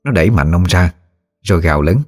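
A man reads a ghost story aloud in a measured, somber voice. His voice is very low and deep, and he keeps a steady storytelling pace. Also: soft background music. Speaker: narrator. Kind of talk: scripted horror story narration.

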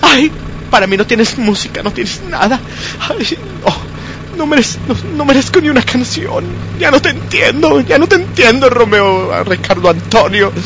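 A woman's voice: a little high, sing-song, moderate pace, background noise. A woman voicing a jealous, hysterical young girlfriend who whines and shrieks accusations. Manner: accusing, whiny, shrieking outbursts.

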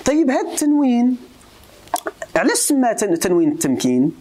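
A man's voice: very high-pitched, wildly swooping pitch, brisk, warm tone, slight background noise. A Moroccan man teaching a grammar lesson to students. He keeps quizzing them and mixes formal explanation with colloquial asides. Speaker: religious teacher.

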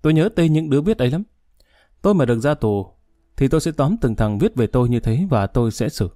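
A man's voice: mid-range voice, lively intonation, fast, warm tone, no echo, studio quality, lightly acted. A man doing a bitter death-row prisoner. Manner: curt, vengeful.

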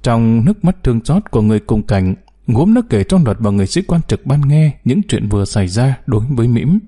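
Male story narrator, warm dark tone, reads with lots of melody. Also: mid-range voice. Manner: expressive storytelling. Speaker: audiobook narrator.

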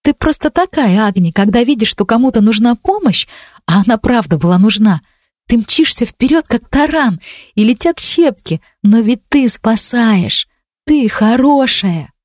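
A woman voicing a gentle, earnest young girl in an audiobook, speaking soft and high. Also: animated, measured pace, no echo, clean studio sound.

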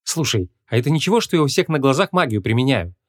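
Man playing a snappy young policewoman, higher voice, lively delivery. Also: fast talker. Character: impatient young female police detective.

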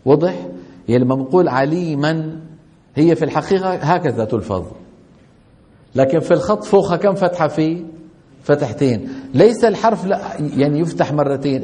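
A man's voice: fairly high pitch, animated, fairly quick, warm tone. Man teaching a class. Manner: asks the class questions and answers them himself. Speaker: Quran recitation teacher. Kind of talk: classroom lesson on tajweed.

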